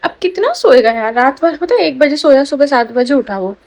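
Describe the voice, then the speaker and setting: A woman's voice: high-pitched, expressive, moderate pace, a little mellow. A young woman, a new mother, chatting casually at home in a vlog, confiding and chatty. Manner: chatty, confiding, baby talk.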